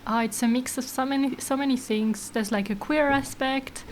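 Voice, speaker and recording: Woman guest, sound artist, casual interview; slightly high voice, frequent laughter, halting phrasing. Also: fairly even intonation, a little hiss or hum, low-quality recording. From France and Greece. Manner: laughs often, many hesitations.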